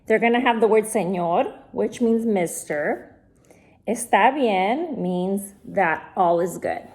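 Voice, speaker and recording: A woman teacher reading a picture book aloud to her class, gentle and clear. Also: mid-range voice, animated, slow. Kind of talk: read-aloud storytelling.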